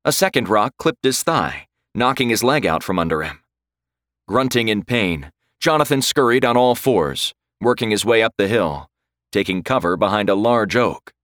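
A man with a lowish voice narrates a horror story in slow, deliberate scripted narration. His pitch rises and falls expressively as he builds the tension. The recording is dry, with no room sound. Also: expressive, a bit bright, dry recording.

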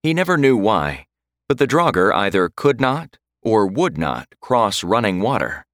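A man with a lowish voice narrates a horror story in slow, deliberate scripted narration. His pitch rises and falls expressively as he builds the tension. The recording is dry, with no room sound. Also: sing-song, a bit bright, dry recording.

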